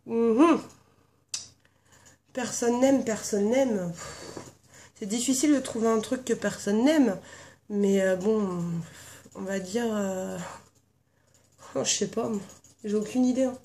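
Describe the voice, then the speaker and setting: A hoarse woman chatting casually in a vlog, blunt and frank, rambling with lots of fillers. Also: on the high side, slow pace, pauses often, mellow, slight background noise. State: hoarse from a sore throat. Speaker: vlogger, founder of a paranormal blog team. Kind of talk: casual chat answering a tag. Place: at home with her cat nearby.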